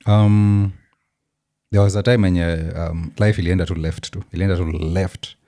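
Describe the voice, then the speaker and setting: A man's voice: low-pitched, steady tone, normal speed, mellow, no room sound. A Kenyan man with a Kenyan accent, hosting and reacting casually, switching between English and Swahili slang with frequent ums. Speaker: show host reacting to a clip.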